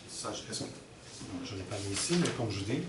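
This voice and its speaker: Middle-aged workshop presenter, patient and explanatory, recorded from afar in an echoey room with background noise. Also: male voice, lowish voice, expressive, a little fast. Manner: explanatory, checks in often with the audience. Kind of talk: teaching a workshop. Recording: roomy and distant with background noise.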